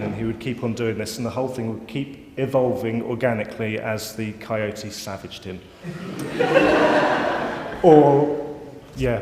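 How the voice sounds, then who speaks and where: Man, mid pitch, wry self-mocking lecturer, echoey hall. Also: a little mellow, a little hiss or hum. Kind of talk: live lecture to an audience. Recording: roomy hall reverb, faint ambience.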